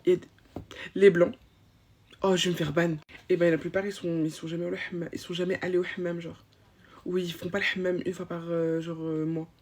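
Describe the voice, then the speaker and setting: A young adult woman rambling excitedly in slang in a casual monologue to camera. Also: on the low side, fairly quick.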